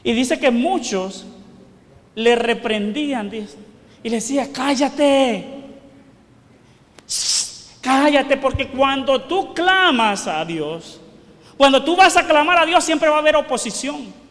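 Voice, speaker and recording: A man's voice: very high-pitched, animated, measured pace, a bit bright, big-room sound. A man preaching a fervent sermon as pastor, questioning his congregation and crying out the words of those he quotes. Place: church.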